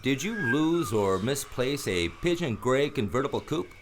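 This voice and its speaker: A man's voice: mid-range voice, big pitch swings, a little slow, heavy background noise. A man playing a cynical, wisecracking hard-boiled private detective in a noir radio play, wry and slangy. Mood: breezy.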